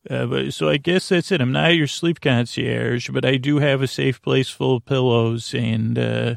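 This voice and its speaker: A man with a creaky voice hosts a sleep podcast, rambling soothingly and haltingly through a friendly bedtime monologue, repeating himself and trailing off mid-thought. His pitch is medium and his tone steady. The recording is dry and studio quality.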